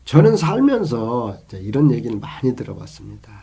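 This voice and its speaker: A middle-aged man delivers life advice in a slow, earnest, lecturing way. His voice is mellow and slightly husky, with a lively rise and fall of pitch. He often lets phrase endings sink into a near whisper. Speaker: channel host giving life advice.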